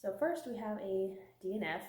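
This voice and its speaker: A young book vlogger, getting over a cold, chats casually about her month's reading in a worn, failing voice with lots of fillers. Her medium-pitched delivery is animated, moderately paced and a little mellow, in an echoey room.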